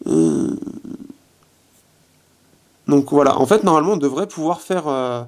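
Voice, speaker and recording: With huge pitch swings and a measured pace, a man whose voice sits on the high side reviews a phone casually at home. The tech reviewer chats, fills his speech with fillers, and trails off while testing features in the resonant room.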